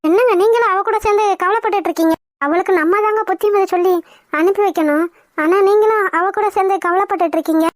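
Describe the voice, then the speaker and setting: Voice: very high-pitched, no echo, studio quality. A voice actor doing a bossy cartoon mother. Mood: lecturing. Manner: lecturing, brisk and firm. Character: scolding practical mother. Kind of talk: cartoon voice acting.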